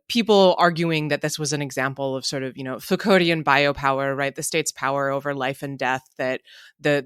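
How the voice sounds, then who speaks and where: Clear, dry-miked voice in thoughtful panel talk. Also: mid-range voice, fairly bright tone, no echo. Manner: discursive, intellectual, self-described nerdy digressions. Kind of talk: unscripted political panel discussion.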